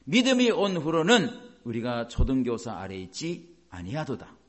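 A man's voice: mid-range voice, wildly swooping pitch, normal speed. A man preaching a sermon as a pastor, explaining by asking the congregation questions and acting out quoted voices.

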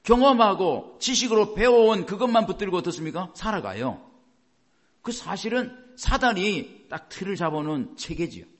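A man preaching a sermon as a pastor, animated and often acting out the voices he quotes. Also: sits high, moderate pace.

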